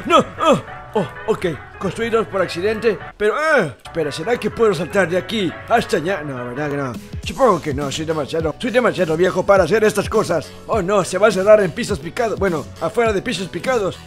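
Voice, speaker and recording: A man's voice: sits high, a bit bright. A man with a Mexican accent putting on a doddering, rambling, boastful old grandfather voice while commenting on a video game, easily confused and breaking into yelps. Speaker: gaming YouTuber. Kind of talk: comedic gameplay commentary in character. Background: background music.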